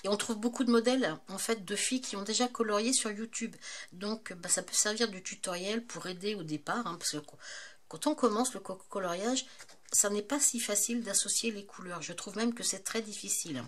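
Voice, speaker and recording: A woman in a casual show-and-tell vlog about her craft supplies, chatty and hesitant, often pausing with fillers. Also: medium pitch. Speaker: craft vlogger.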